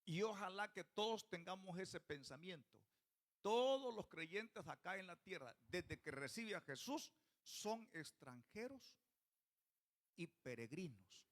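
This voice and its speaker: A high, bright male voice delivers a church sermon. He keeps questioning the congregation as he preaches. His tone is sharp and forward. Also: animated, slow. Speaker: pastor.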